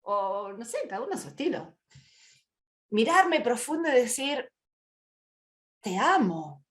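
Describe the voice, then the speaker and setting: A woman's voice: on the high side, big pitch swings, measured pace. A woman, teaching a live online workshop in a chatty way, checking in with her listeners and acting out small scenes. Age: 50s. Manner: conversational, asks "¿sí?" often, acts out little quoted scenes.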